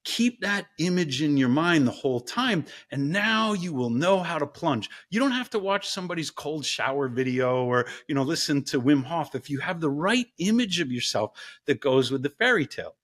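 Animated storytelling man, lively pitch. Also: moderate pace. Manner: animated, acts out story voices with big pitch jumps. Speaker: guest, professor and ice bath company co-founder. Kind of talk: casual storytelling in an interview.

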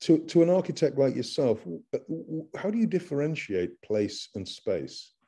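A middle-aged man moderating an academic webinar over a video call, measured and polite as he asks questions. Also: a little high, big pitch swings, dark tone, husky. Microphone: computer mic on video call.

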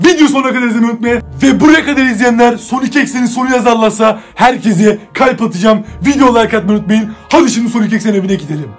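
A man vlogging casually, brash and taunting, talking in slang with excitable energy. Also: very high-pitched, fast talker, few pauses, faint music behind. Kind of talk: casual horror-challenge vlog.

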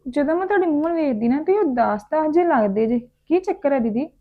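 A woman's voice: high voice, expressive, fast talker, narrow, tinny audio. A woman playing a younger relative, reassuring and persuasive. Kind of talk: village drama acting.

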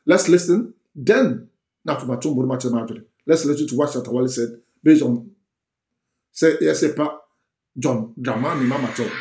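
A man's voice: mid-range voice, moderate pace. A man with a Ghanaian accent giving political commentary as an online show host, mixing English and Twi with emphatic delivery. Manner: switches between English and Twi, animated and emphatic. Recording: roomy echo.

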